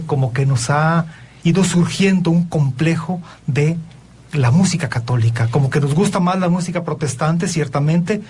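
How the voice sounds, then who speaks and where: A man with a Mexican Spanish accent, a priest hosting a radio talk show, speaking in an earnest, preachy, animated way. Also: fairly high pitch, a little hiss or hum.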